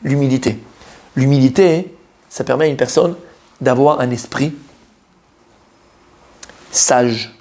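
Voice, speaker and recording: A man, a rabbi, giving a Torah lesson to a live group. He talks in an animated, emphatic way, questions his listeners and repeats key words to drive them home. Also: medium pitch, normal speed, long pauses. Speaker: rabbi teaching a Torah class.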